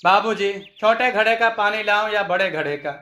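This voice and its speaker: A man's voice: high voice, normal speed, bright, forceful tone. A man doing a naive foolish young bride. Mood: innocent. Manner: naive, overly literal. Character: foolish literal-minded young daughter-in-law woman. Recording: echoey room.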